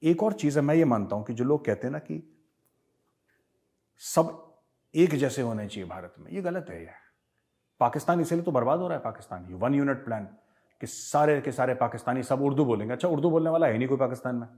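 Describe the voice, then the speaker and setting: A man's voice: mid-range voice, expressive, fairly quick, dark tone. An emphatic man with an Indian accent, hosting a casual Q&A with viewers and switching between Hindi and English. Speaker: host answering viewer questions. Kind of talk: casual commentary Q&A.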